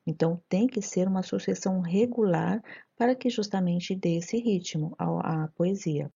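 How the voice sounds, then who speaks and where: A woman with a Brazilian Portuguese accent teaching a poetry lesson, explaining slowly and reading verses aloud with a steady rhythm. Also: medium pitch, creaky, husky. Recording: dull lo-fi recording.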